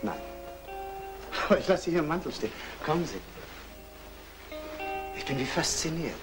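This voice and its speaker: An actor playing a charming male painter who courts a young woman, with a soft, persuasive manner, in old German film acting. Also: a little high, expressive, moderate pace, over music, lightly acted.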